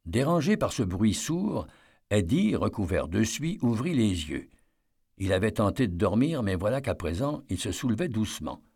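Gravelly, husky male storyteller. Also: lowish voice, normal speed. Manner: expressive storytelling. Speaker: narrator. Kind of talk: audiobook narration.

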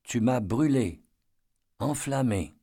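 A man voicing a small girl, flat and childlike. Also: medium pitch, takes it slowly, creaky, voice pushed up, full character voice. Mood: flat, calm. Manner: monotone, childlike, broken phrasing. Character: little girl, gentle, reciting flatly.

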